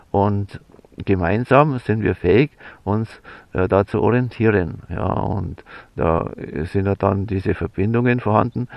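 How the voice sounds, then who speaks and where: Gravelly low man rambling with fillers. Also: dry recording. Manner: rambling, many fillers and restarts, frequent "ja". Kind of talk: unscripted spiritual monologue. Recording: dull lo-fi sound.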